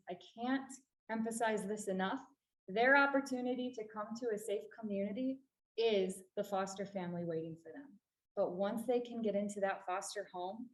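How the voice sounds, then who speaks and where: A woman from a refugee services agency giving a public talk to a library audience, explaining earnestly and stressing key points. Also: medium pitch. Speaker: refugee services staff presenter. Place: library meeting room. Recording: echoey room.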